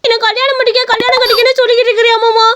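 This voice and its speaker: Woman voicing a sulky cheeky cartoon village girl, squeaky high and bright. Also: steady tone, quick pace, slight background noise. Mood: whining. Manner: wailing and sulky, then sassy. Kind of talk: Tamil cartoon story voice acting.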